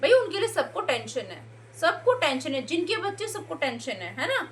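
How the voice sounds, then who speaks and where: A young woman with a high, bright voice tears into her online rivals in a heated reaction video. She scolds and jeers, and she mimics the people she mocks with sarcastic edge. A faint hiss of noise sits under her voice. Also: big pitch swings, normal speed. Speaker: YouTube reaction commentator.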